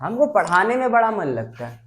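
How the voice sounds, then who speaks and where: A woman's voice: medium pitch, sing-song, brisk. A woman teaching English grammar in a classroom lesson, patiently repeating and drilling sentence patterns. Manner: patient, addresses students as "babu".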